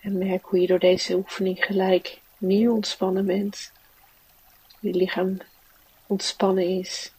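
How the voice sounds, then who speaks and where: A woman guides a relaxation exercise in a soft, soothing voice. Her tone is husky and stays level, with little rise or fall. She takes each phrase slowly. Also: mid-range voice, little pitch movement, distant mic, low-quality recording. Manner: soft, slow, soothing guiding delivery. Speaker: mindfulness teacher and meditation guide.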